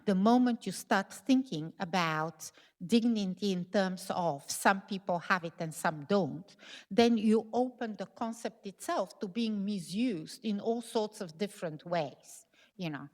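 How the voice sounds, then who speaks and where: A woman's voice: mid-range voice, expressive, unhurried, a little mellow. A woman speaker on an academic panel, talking thoughtfully with many fillers and hedges. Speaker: lecture speaker. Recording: reverberant lecture hall.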